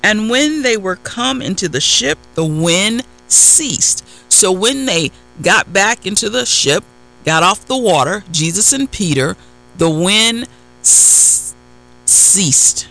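A man's voice: high voice, lively intonation, slow, gravelly, sharp tone, soft background music, rough recording. A man preaching a sermon, reading scripture verses and then retelling them in plain words with repeated phrases.

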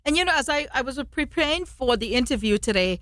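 A woman's voice: high-pitched, expressive, quick pace, fairly bright tone, no room sound, clean studio sound. A woman from Trinidad and Tobago hosting an interview, chatty and reflective as she talks. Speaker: interview host. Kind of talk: interview conversation.

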